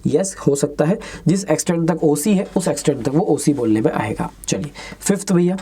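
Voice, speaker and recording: Mellow-voiced man teaching exam prep. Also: fairly high pitch. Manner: Hindi-English mix, reads English questions slowly, chatty asides. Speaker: lecturer.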